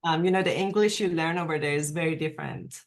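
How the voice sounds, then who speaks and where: A woman from Iran, a nurse and health coach talking as a podcast guest, earnest and quick to laugh. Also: low voice, fairly even intonation. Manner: warm, laughs easily, earnest. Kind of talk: podcast interview.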